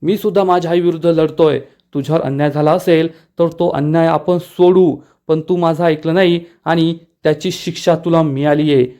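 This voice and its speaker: A man's voice: on the high side, steady tone, normal speed, hardly any pauses, warm tone, natural voice. A man reading the lines of a hot-tempered young son who is defending his father. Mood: angry.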